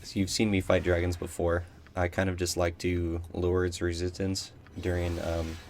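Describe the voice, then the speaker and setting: A man's voice: deep voice, completely flat delivery, moderate pace, a little mellow, a little hiss or hum. A young man giving casual gameplay commentary, rambling and unsure, with many ums. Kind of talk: casual let's play commentary.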